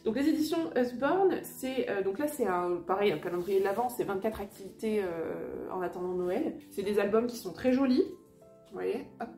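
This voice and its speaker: With an animated, dark-toned mid-range voice at normal speed, a vlogger mother chats casually about children's books beside her home fireplace. Though animated, she hesitates, using many fillers and restarts, over soft background music and a roomy echo.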